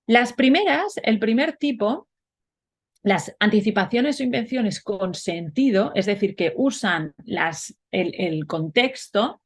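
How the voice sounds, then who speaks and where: Woman lecturing in a webinar. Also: mid-range voice. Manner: explanatory, frequent rhetorical questions and "¿vale?" checks. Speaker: teacher.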